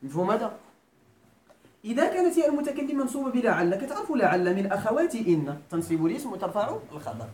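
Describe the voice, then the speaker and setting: A man's voice: high-pitched, sing-song, fast talker, a little mellow. A man with a Moroccan accent giving a classroom grammar lecture, often quizzing his students and checking that they follow. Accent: Moroccan Arabic. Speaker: teacher of Arabic grammar. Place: lecture room at a Quran school. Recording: echoey room, faint background noise.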